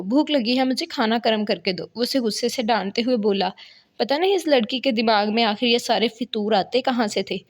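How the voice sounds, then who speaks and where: Woman narrating a novel, higher voice.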